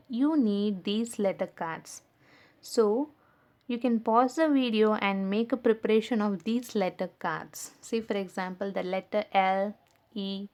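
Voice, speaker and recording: A woman teacher giving a slow, patient recorded lesson to young children, stressing key words and checking understanding. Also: mid-range voice.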